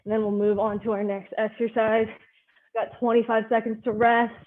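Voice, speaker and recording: A woman's voice: on the high side, little pitch movement, moderate pace. A woman leading a live online workout class, giving directive, short cues and counts as a fitness instructor. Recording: narrow phone-like sound.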